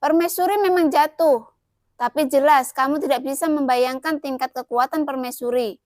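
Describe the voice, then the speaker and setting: A woman's voice: high-pitched, normal speed, darkish tone, dry recording, clean studio sound, lightly acted. A woman reading a novel aloud, voicing a proud, cold ancient male warrior in a haughty, threatening tone. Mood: cold, scornful.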